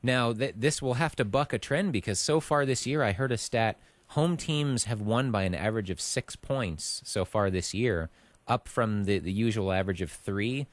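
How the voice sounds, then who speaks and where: A man with a low, steady voice co-hosts a casual sports podcast. He talks through his picks with plain confidence. The recording is dry and close. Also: moderate pace, dry recording. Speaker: podcast co-host.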